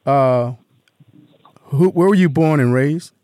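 A man's voice: a little high, slow pace, mellow, slight background noise. A man hosting a radio interview show from a studio, friendly and encouraging, filling in with short affirmations.

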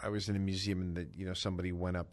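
A man's voice: low-pitched, little pitch movement, rapid-fire. A man co-hosting a podcast, easygoing and agreeable, chiming in with short affirmations. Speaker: podcast co-host. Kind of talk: casual chat.

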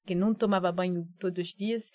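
A woman's voice: on the low side, fairly even intonation, fairly quick, a little mellow, no echo, clean studio sound. A woman with a Brazilian Portuguese accent, co-hosting a casual educational podcast and explaining phrases with examples. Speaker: podcast co-host.

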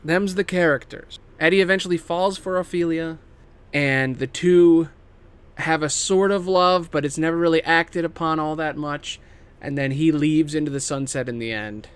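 A host with a clean-toned voice and moderate pace pitches video game movie adaptations in a casual, partly improvised way. He's emphatic and theatrical, swears offhandedly, and slips into throwaway asides.

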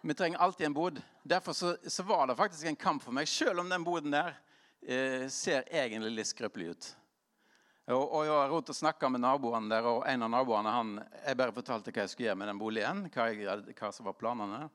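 A man's voice: medium pitch, a bit bright. A man speaking to a live audience in an informal sermon-style talk, rambling and self-deprecating, laughing often, with many fillers and restarts.

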